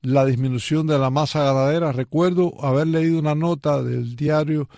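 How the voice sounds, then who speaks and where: A man hosting a news program, speaking in a measured way with frequent pauses. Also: a little high, steady tone, vocal fry, warm tone, no echo, clean studio sound. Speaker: news show host. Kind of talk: radio news interview.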